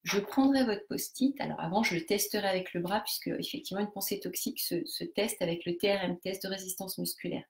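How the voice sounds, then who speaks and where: Talking fast with few pauses, this mid-range female voice guides participants through a technique in a live group coaching session. Her instruction is direct yet halting, full of fillers and false starts.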